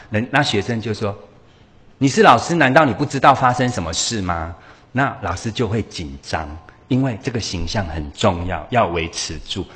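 A man giving a lively church teaching on pastoral care, acting out what people say and laughing often. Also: fairly low pitch. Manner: animated, acts out quoted voices, laughs often. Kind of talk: lively sermon talk.

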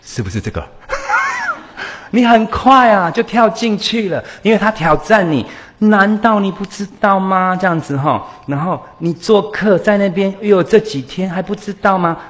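A man giving a lively church teaching on pastoral care, acting out what people say and laughing often. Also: sits high, normal speed. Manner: animated, acts out quoted voices, laughs often. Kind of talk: lively sermon talk.

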